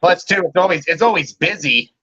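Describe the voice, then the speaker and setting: A man from California's Bay Area, chatting casually, halting and repeating words, quick to laugh. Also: high voice, sharp tone, no room sound, highs cut off. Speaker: co-host. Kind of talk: casual chat.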